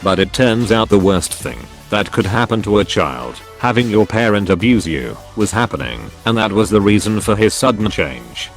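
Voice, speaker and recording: A man narrating forum posts as a channel host in a steady, even reading. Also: lowish voice, normal speed, gravelly, few pauses, soft background music. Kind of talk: scripted narration.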